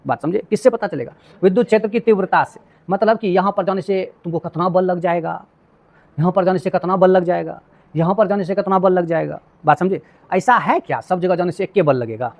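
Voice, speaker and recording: A man's voice: high-pitched, brisk, a little mellow. A male physics teacher, lecturing a class. He keeps asking students whether they have understood and explains with homely everyday examples. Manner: asks repeated check questions to students.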